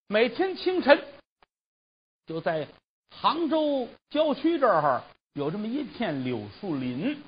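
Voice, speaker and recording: A man telling a traditional story in a lively, colloquial way, with asides to the audience. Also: on the high side, breathy edge, highs cut off. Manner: animated, colloquial, conversational asides.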